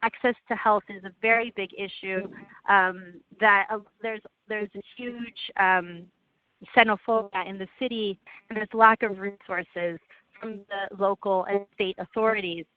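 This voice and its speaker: A woman presenting slides in a webinar over a phone line, earnest and halting with frequent restarts. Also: mid-range voice, steady tone, no echo. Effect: heard over a phone line. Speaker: webinar presenter for a legal aid project. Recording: tinny, dry phone line.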